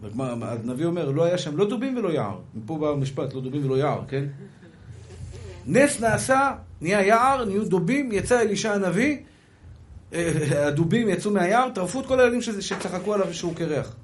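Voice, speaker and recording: High-voiced rabbi giving a fervent sermon. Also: male voice, very animated, slight background noise. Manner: swings from soft murmurs to loud emphatic repetition; acts out dialogue in storytelling. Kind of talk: Breslov Torah sermon.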